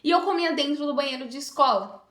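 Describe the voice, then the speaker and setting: Bright, echoey young woman telling a testimony. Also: high voice, fast talker. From Brazil. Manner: heartfelt, earnest storytelling with emotional rises. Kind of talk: personal testimony. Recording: echoey room with faint music.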